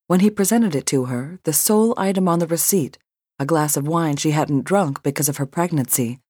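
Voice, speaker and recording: A woman narrating an audiobook in an emotive, measured reading. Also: low voice, darkish tone, dry recording, studio quality. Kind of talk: scripted narration.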